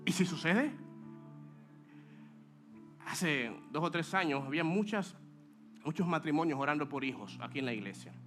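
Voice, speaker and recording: A man preaching a sermon as pastor, animated, with joking asides to the congregation, acting out quoted speech. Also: fairly high pitch, moderate pace, pauses often, soft background music.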